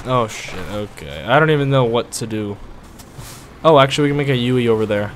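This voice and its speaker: A Latvian-born man chatting loosely over a driving game, his voice pitched in an ordinary middle range. He rambles, swears freely and jumps into sudden outbursts at his own mistakes on the road. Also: expressive, fairly quick, a little hiss or hum. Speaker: gaming video host. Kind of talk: casual gameplay commentary.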